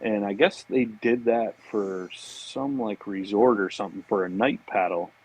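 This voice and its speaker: Casually chatting on a podcast, an American man who markets for the fishing industry stays laid-back and informal, with frequent agreement words. His fairly low voice is unhurried, a little mellow and slightly rough, and the audio is poor.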